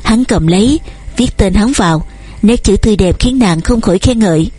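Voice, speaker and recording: A woman narrating a romance novel in a calm, measured storytelling manner. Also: mid-range voice, slightly rough.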